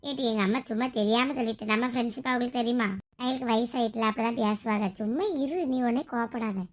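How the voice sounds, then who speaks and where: A woman's voice: on the high side, fairly even intonation, quick pace. A woman performing a comic family skit, chatty and teasing. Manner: chatty, teasing, plays several roles.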